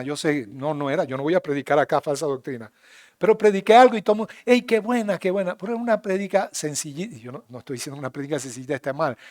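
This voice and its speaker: Panamanian male pastor, slightly high voice, fiery sermon delivery with sudden loud peaks and soft asides. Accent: Panamanian Spanish. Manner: preaches with sudden loud emphatic rises and quiet asides. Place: church.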